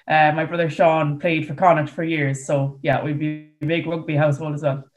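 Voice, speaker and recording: A woman's voice: low voice, level tone, brisk, soft background music. A woman with a west of Ireland accent chatting casually as a guest in an interview. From Galway, Ireland. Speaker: podcast guest, para rower. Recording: dull, muffled lo-fi audio.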